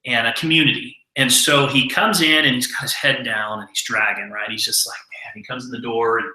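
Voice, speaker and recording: A man's voice: mid-range voice, steady tone, fairly quick, pushed and bright. A man mentoring his team by telling an earnest motivational story. He repeats words when stressing a point. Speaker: mentor giving a training. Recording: echoey room.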